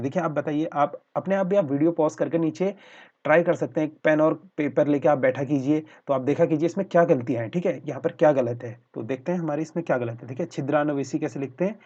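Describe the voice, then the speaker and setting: A slightly high, somewhat mellow male voice leads a Hindi spelling lesson for exam aspirants over slides, breaking words into syllables. He chats with viewers like friends, poses questions and answers them himself, and keeps repeating a filler phrase. The voice-over sounds dull and lo-fi.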